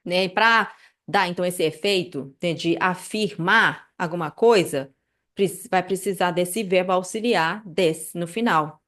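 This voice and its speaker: A woman teaching a casual live online class, chatty and animated, checking in with listeners often. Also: lowish voice, measured pace. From Brazil. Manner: chatty, many fillers like "né" and "tá", animated asides. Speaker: Japanese language teacher.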